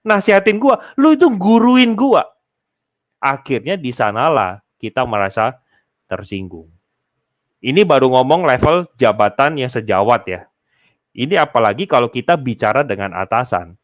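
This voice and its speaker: A man's voice: mid-range voice, dry recording, clean studio sound. A man, giving casual, explanatory advice to an audience he addresses directly. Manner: explanatory, addresses listeners as Bapak Ibu. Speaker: speaker answering a host's question.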